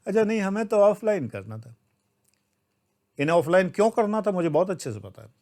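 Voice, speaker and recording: Older Indian man, exam-prep teacher, slightly high voice, forceful scolding lecture style. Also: big pitch swings, brisk. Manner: emphatic and scolding, swings between loud outbursts and low asides. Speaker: civil services exam teacher. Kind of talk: lecture to online class.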